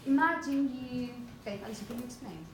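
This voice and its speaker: Woman teacher going over pronunciation w a class, highish voice, patient, keeps asking okay?, faint room noise. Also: lively intonation, quick pace.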